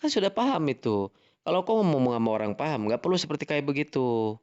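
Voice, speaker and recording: A man's voice: on the high side, very animated, quick pace, darkish tone, muffled recording. A man with an Indonesian accent arguing heatedly in an online voice chat, lecturing and repeating himself. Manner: angry, lecturing, repetitive "gitu loh". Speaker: live-stream voice chat participant.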